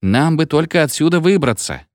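A man's voice: on the high side, animated, normal speed, no echo, pitched above the performer's own voice, natural voice. A man voicing a flustered, officious chief conductor who pleads and insists, in a dry recording. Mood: urgent. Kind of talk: audiobook character voice.

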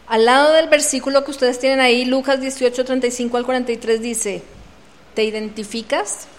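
A woman's voice: high voice, fairly even intonation, a little fast. A woman giving a devotional talk at a women's retreat, reading scripture aloud and acting out the voices in the story with drama. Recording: reverberant hall.

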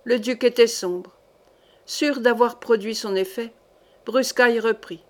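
A woman's voice: fairly high pitch, measured pace. Woman reading a historical novel aloud. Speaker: audiobook reader. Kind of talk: audiobook narration of a historical novel.

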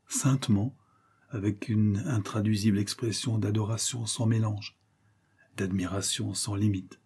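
A man narrating a classic novel in a measured, expressive audiobook reading, with a husky voice. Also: fairly low pitch.

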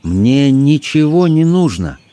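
A man voicing a calm, mysterious tall fakir in an audiobook, speaking in a detached way. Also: medium pitch, slow pace, no echo, pitched above the performer's own voice.

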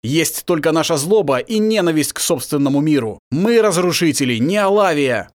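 A man voicing a grave, steadfast male werewolf warrior who speaks firmly and loudly. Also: on the high side, animated, normal speed, no echo, clean studio sound, pitched above the performer's own voice, lightly acted. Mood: fierce. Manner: firm, raised voice.

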